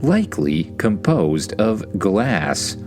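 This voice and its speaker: A man voicing a calm, matter-of-fact spaceship computer reporting findings in a bedtime story. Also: fairly low pitch, slow, faint music behind. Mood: calm, informative.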